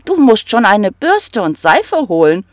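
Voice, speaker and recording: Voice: mid-range voice, big pitch swings, a little slow, no echo, studio quality, pitched above the performer's own voice. A narrator doing a chirpy little goblin boy. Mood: cheeky. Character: tiny cheeky young male goblin.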